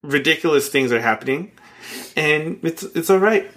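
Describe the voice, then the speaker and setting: A man's voice: on the high side, animated, bright, forceful tone. Young man telling a story with restarts. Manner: halting, restarts, laughs at his own story. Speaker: podcast co-host. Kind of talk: casual storytelling chat.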